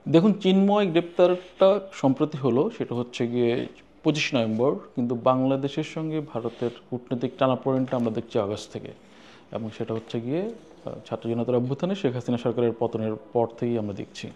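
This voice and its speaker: A man's voice: medium pitch, quick pace, dark tone, a little hiss or hum. A man giving news analysis on diplomatic relations, talking in long runs and leaning on one repeated filler phrase. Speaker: correspondent.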